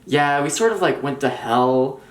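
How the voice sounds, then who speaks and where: A man's voice: a little high, lively intonation, measured pace, reverberant. A young man doing a posh bragging socialite woman. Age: young adult. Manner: bragging, breezy, name-dropping.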